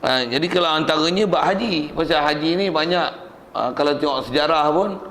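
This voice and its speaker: A man's voice: fairly high pitch, fairly quick, a bit bright. A man with a Malaysian Malay accent teaching a religious class, conversational and joking, asking and answering his own questions. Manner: jokes with the class.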